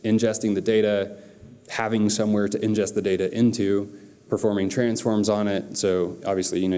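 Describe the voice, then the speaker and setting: A man with a low voice gives a conference presentation in a big hall, and the room's long reverb trails after his words. His delivery is loose and conversational, full of fillers and restarts. The tone stays mellow and dark. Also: clear, resonant tone. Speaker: conference speaker.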